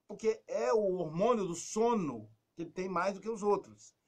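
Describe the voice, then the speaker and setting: A man with a Brazilian Portuguese accent giving casual advice on a talk show, lively, acting out quoted lines and dropping to a soft, low voice. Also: moderate pace, slightly rough.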